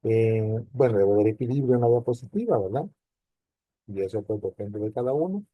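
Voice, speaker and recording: A man's voice: on the low side, animated, brisk, dry recording, highs cut off. Man lecturing students on slide design. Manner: explanatory, addresses students directly with rhetorical questions. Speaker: university lecturer. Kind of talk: recorded online class lecture.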